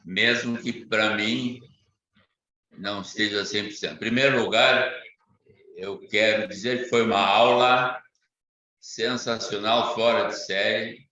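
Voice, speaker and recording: Man from Brazil, slow hesitant speech, bright tone, very echoey dull video call sound. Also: on the low side, fairly even intonation. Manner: hesitant, many restarts, grateful. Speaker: study group participant. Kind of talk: casual online group discussion.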